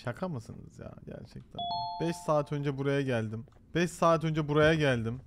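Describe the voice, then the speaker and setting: A man streaming a horror game live, loudly exasperated and bantering with his chat. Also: fairly high pitch, normal speed, noisy background. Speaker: gaming streamer. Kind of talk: live gameplay commentary.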